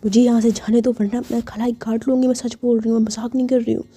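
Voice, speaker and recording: A woman playing a headstrong young woman in a storybook romance, cold and defiant, with a dark, husky voice. She speaks in a flat, level tone over faint music. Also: on the high side, quick pace, lightly acted. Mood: threatening. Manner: defiant, threatening.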